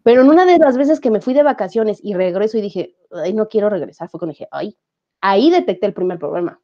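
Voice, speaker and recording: A Mexican woman in her thirties talks as a guest and tells her story in a relaxed, easy way, acting out what people said to her. Her voice is mellow and a little dark. The audio sounds slightly muffled, like it came over a call. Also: mid-range voice, fast. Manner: animated, acts out quoted dialogue. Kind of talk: casual conversational storytelling.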